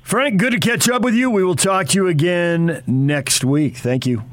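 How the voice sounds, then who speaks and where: A man hosting a sports radio show, briskly wrapping up a guest segment and teasing what comes next. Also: sits high, no echo.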